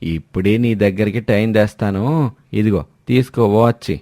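A man's voice: on the low side, normal speed, warm tone, no echo, studio quality, lightly acted. A man voicing a teasing, easygoing old father-in-law in a cartoon story, joking with his wife.

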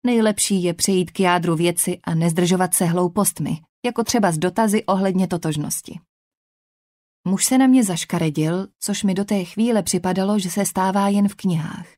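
A woman reading a novel aloud as a first-person audiobook narrator, measured and even. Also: on the low side, no room sound.

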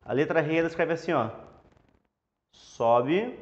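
A man with a Brazilian Portuguese accent teaching a casual language lesson at a whiteboard, explaining step by step in a relaxed, chatty way. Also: a little high, moderate pace. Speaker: Hebrew teacher. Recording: dull lo-fi classroom audio.

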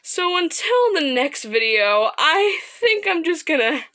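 A high-voiced woman playing a horror game on camera, swinging wildly between slow, easy chatter and panicked shrieks. Her tone is bright and sharp, and her voice is strained from all the screaming. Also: big pitch swings. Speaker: gaming video host. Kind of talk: casual horror game commentary.

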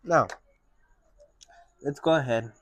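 Slow-talking man teaching painting. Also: medium pitch. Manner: slow, relaxed step-by-step instruction. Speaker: painting instructor. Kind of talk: painting tutorial.

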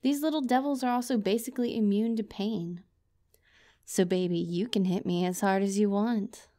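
A woman's voice: medium pitch, steady tone, moderate pace, dark tone. A young woman performing a scripted comedic girlfriend role-play, talking to the listener in a playful, teasing, rambling way.

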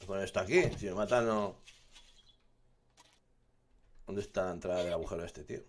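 A man with a Spain Spanish accent giving live gameplay commentary, excitable, swearing constantly and laughing often. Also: sits low, racing, a little hiss or hum. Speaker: gaming streamer.

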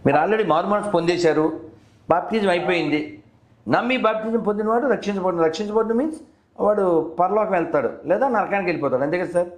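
A high-pitched man who talks fast hosts a conversational debate on a call. He keeps digging with leading questions, and the phone recording sounds roomy and full of echo.

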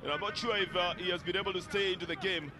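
High-pitched Kenyan man commentating live football. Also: steady tone, quick pace, noisy background.

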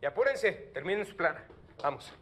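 An earnest schoolteacher. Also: male voice, sits high, sing-song, a little fast. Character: male primary teacher, patient, firm with pupils. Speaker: primary school teacher. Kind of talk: TV drama acting. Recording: TV drama with loud music score.

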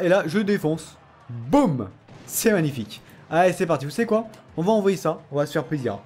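Gaming host, male, somewhat high pitch, excitable, teasing, laughs a lot. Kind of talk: casual gameplay commentary.

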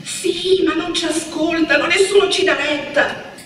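A woman's voice: extremely high pitch, steady tone, a little slow, background noise, pitched above the performer's own voice. Dina, a frantic young wife, as a woman reader puts her on. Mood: desperate. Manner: urgent, shouting. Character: Dina, anxious young wife searching for husband. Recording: echoey hall, distant mic.

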